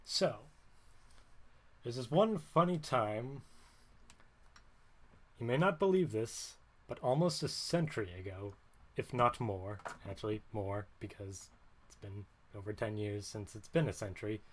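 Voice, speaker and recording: A man's voice: lowish voice, measured pace, long pauses. A man streaming, talking in a rambling, wry way and often stopping to correct himself mid-sentence. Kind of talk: casual livestream monologue.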